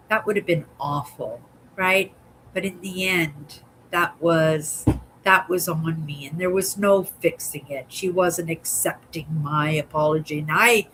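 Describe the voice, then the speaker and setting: A woman in her sixties speaks slowly and thoughtfully with a fairly low voice. She muses through her thoughts and keeps checking in with a soft "right?". A faint hiss of noise sits behind her. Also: poor audio. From Canada. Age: 60s. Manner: musing, ends phrases with a questioning "right?". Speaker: vlogger. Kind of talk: reflective casual monologue.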